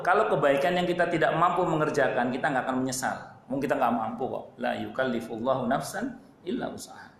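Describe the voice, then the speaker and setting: A man's voice: medium pitch, a bit bright, a little hiss or hum. A man with an East Javanese accent preaching a sermon in a conversational way, repeating phrases and addressing his listeners directly. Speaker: Islamic preacher. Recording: echoey hall with faint ambience.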